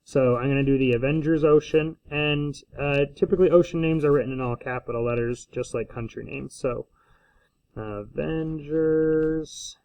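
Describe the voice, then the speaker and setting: A school teacher records a casual instructional screencast indoors at a desk, frequently checking in with a short questioning tag. His medium-pitched, darkish voice is fairly quick and even, with few pauses, and the lo-fi audio sounds slightly dull.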